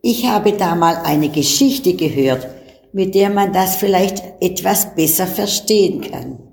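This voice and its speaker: A woman reading the part of a kindly father explaining a story to his son, thoughtful and gentle. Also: on the low side, expressive, measured pace, vocal fry.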